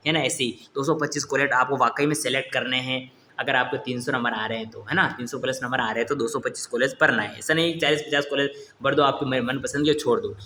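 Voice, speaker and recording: A man's voice: fairly high pitch, fairly bright tone, roomy sound, slight background noise. A young man, teaching an exam coaching lesson in a casual, encouraging way and often checking that students follow. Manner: repeats "ठीक है ना?" to check understanding, encouraging.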